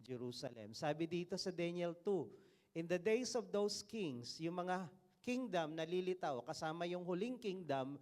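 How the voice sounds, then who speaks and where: A middle-aged man preaching a sermon as pastor, animated and joking as he reads scripture aloud. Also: sits high, measured pace.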